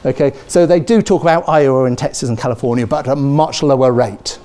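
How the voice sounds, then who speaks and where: Speaking quickly in a mid-range voice, this middle-aged British lecturer from Britain addresses a large lecture theatre through a lapel mic. He's animated and keeps asking the audience "okay?" and "yeah?" in his British English.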